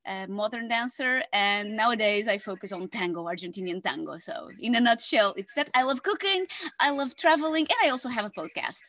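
A woman's voice: medium pitch, fairly quick. A woman from Portugal, chatting casually as a podcast guest. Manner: relaxed, chatty storyteller. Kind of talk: casual interview.

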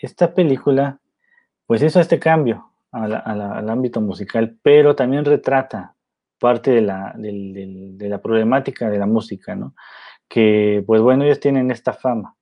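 A man's voice: medium pitch, moderate pace. A man talking casually about films, rambling with many fillers and tag questions. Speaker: film commentator. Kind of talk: casual film commentary. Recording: dull lo-fi recording.

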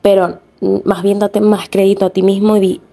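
Rambling young Venezuelan woman, mellow voice. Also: mid-range voice, little pitch movement, normal speed, vocal fry. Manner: chatty and rambling, full of fillers and self-corrections. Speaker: podcast host. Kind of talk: casual podcast monologue.

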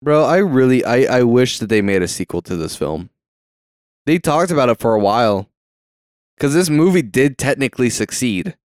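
Young man, stuttery and lively. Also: medium pitch, moderate pace, clear, resonant tone, no room sound, studio quality. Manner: rambling, swears freely, many fillers. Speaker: movie watch-along co-host. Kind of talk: casual chat.

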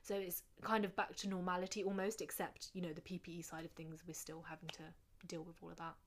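A young woman with a fairly low voice talks through her work as a paramedic in an easygoing chat. She explains things in a steady, measured way and lets her sentences fade softly at the ends of her points. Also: slight background noise. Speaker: paramedic, podcast co-host. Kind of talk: casual chat.

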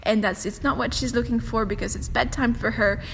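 Speaking fast and laughing often, a French-native podcast host and meditation teacher chats casually alone on her show in a voice that's on the high side, steady, creaky and a bit bright. The setting is a home room with a fireplace on a windy day. Expect long room reverb plus faint wind noise whooshing from the fireplace.

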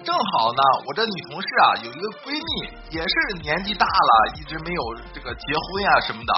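A man's voice: on the high side, big pitch swings, fast talker. A man telling comic stories in a chatty way, talking to a sidekick and laughing at his own jokes, over a dull recording with music behind. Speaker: joke-telling host. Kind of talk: comic storytelling.

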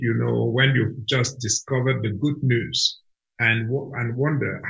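A mission organization director from Cameroon, whose first language is a Cameroonian language, earnestly answers questions in an online interview, often restarting his sentences. His mid-range voice is gravelly with a fairly bright tone, heard over a video call with dull, lo-fi sound.

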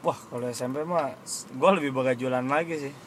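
A man's voice: mid-range voice, fairly quick, slight background noise. A young man with in casual chat, brash and teasing.

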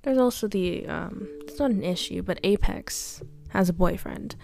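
A young woman rambling hesitantly through a personal audio diary, often trailing off and sometimes dropping to a soft whisper. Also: mid-range voice, normal speed, creaky. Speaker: podcast diarist. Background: faint background music.

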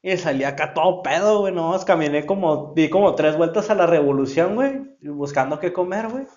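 A Mexican man co-hosting a podcast, chatting casually with friends, slangy and quick to laugh. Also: on the high side, lively intonation, a little mellow. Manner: slangy, laughs often, swears freely. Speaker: podcast co-host. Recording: roomy, dull recording.

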